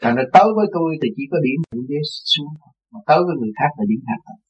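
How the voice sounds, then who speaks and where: Older man with a husky voice. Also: fairly high pitch, racing. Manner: animated storyteller who laughs and acts out quoted voices. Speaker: religious teacher. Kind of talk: personal storytelling in an interview. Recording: dull lo-fi recording.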